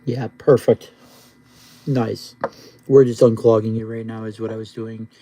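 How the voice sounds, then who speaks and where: A man's voice: lowish voice, flat delivery, a little slow, mellow. A man live streaming casual, rambling chat in a laid-back stoner drawl, often repeating himself. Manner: repetitive, rambling.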